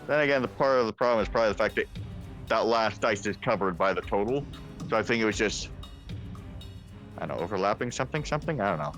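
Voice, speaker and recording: Low-voiced man rambling in casual chat. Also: animated, fast, pauses often, a bit bright, faint music behind. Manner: rambling, hedging. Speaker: player.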